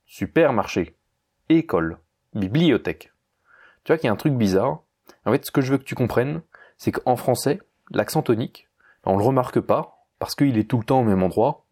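A man's voice: medium pitch, lively intonation, fairly quick, darkish tone. A man giving an informal spoken lesson, talking directly to the listener in a casual, friendly teaching manner with small fillers. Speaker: language teacher.

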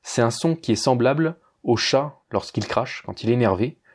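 Man teaching slow pronunciation drills. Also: mid-range voice, animated, breathy edge. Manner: slow, careful, repeats words for the listener; informal, addresses listener as tu. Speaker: language teacher. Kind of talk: pronunciation lesson.

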